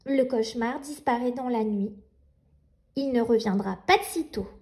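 A woman's voice: fairly high pitch, moderate pace, darkish tone. A woman narrating children's picture books as a storyteller, reading a scripted story aloud.

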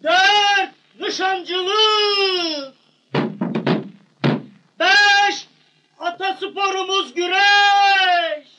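An actor playing a village town crier, shouting drawn-out proclamations to the people in a film comedy. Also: male voice, very high voice, fairly even intonation, exaggerated voice. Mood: loud, proclaiming. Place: outdoor village square before a crowd. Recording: dull, very noisy old film soundtrack.

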